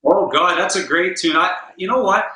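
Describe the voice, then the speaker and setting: Man, podcast guest host, casual rambling chat, high voice, echoey room. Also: moderate pace, bright, forceful tone. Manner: easygoing, rambling with fillers. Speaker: guest host and guitar player. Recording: roomy echo.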